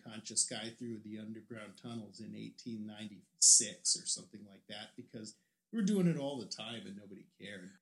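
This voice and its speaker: A man's voice: lowish voice, brisk. Hesitant man in an echoing room. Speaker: historian interviewee. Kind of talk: casual interview answers. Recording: roomy, echoing interview recording.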